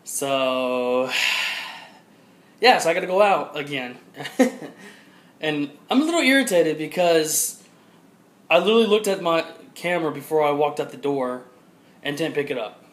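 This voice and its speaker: A man's voice: fairly high pitch, a little slow, long pauses. A man, from Georgia, chatting casually and rambling upbeat into a handheld camera for his vlog. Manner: rambling, upbeat, repeats himself. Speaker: vlogger.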